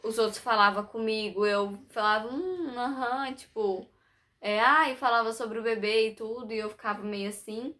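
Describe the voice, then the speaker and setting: A woman's voice: medium pitch, little pitch movement, normal speed, pushed and bright. A young woman from Brazil telling a personal story to her viewers in a casual, rambling way, full of fillers and asides. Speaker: vlogger.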